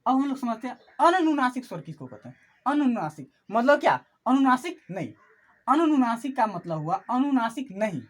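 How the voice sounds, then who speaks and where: A woman's voice: fairly high pitch, sing-song, normal speed. A woman teaching an online class who asks questions and answers them herself, repeating each key term.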